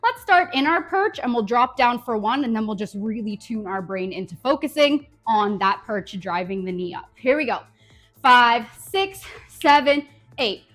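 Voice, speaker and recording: A woman's voice: on the high side, lively intonation, normal speed, few pauses, faint music behind. A woman teaching a dance tutorial in an upbeat coaching manner, counting beats aloud. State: out of breath at times. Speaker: dance instructor.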